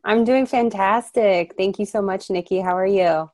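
A woman originally from Ukraine, a podcast guest, telling her life story in an earnest, reflective way with pauses. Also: mid-range voice, darkish tone, dry recording. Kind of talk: conversational interview.

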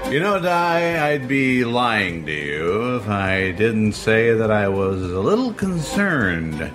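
A man hosting a show with casual comedic chat in a halting, wry way. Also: on the low side, sing-song, over music. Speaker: show host.

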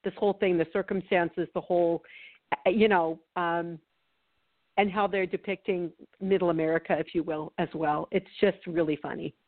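A woman's voice: fairly low pitch, fairly even intonation, moderate pace, narrow, tinny audio. A woman guest on a radio talk show, chatting casually and rambling with many fillers. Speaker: guest psychic. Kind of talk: casual chat.

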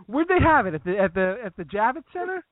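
Male co-host, high animated voice, mock-earnest straight man, tinny lo-fi sound. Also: fast, dry recording. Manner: playful, mock-earnest questioning. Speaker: podcast co-host. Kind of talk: casual comedic chat. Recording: dry, phone-like lo-fi.

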